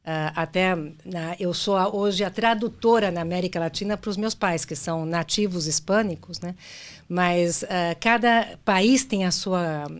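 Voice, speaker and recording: A Brazilian businesswoman, daughter of Argentine parents, answers interview questions conversationally as a guest executive. Her voice is low and her pace measured. She is thoughtful, often restarting her sentences and adding "né?" tags.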